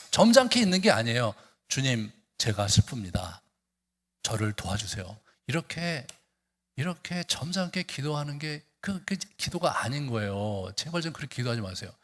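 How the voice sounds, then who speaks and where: A male pastor preaching a sermon, emphatic and exhorting, pushing his pitch up suddenly to drive a point home. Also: a bit bright. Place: church sanctuary. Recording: long reverb of a church hall.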